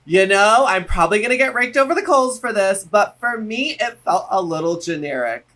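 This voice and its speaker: A man's voice: sits high, lively intonation, fairly quick, bright, forceful tone. A man co-hosting a review show, chatting casually with opinions in a campy, sassy drag-queen manner. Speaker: reality show review co-host.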